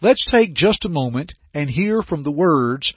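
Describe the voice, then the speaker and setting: A man giving scripted Bible teaching as a radio preacher, in an earnest, formal, measured delivery. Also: a little high, expressive, breathy edge, dry recording, dull audio.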